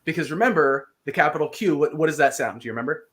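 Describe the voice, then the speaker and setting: A teacher giving a relaxed language lesson, explaining words patiently and repeating phrases slowly for a learner to copy. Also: medium pitch.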